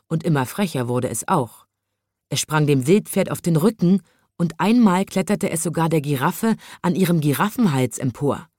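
A woman narrating a children's storybook in an even, measured reading voice. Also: deep voice, no echo, studio quality.

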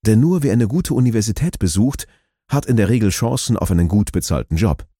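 Male narrator, lively pitch, warm and dry. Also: husky, no room sound. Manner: measured, explanatory. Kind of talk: scripted documentary narration.

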